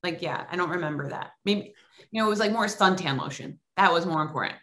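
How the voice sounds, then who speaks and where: A middle-aged guest from Long Island, New York talks fast in a fairly low, pushed, bright voice during a casual podcast interview. She's on a remote call and fills her speech with plenty of likes and ums.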